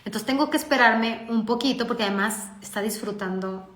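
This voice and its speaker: Mexican woman speaker, fairly high voice, lively storytelling, roomy echo. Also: fairly quick. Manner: lively, acts out dialogue. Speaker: parenting speaker. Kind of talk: storytelling talk. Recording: echoey room.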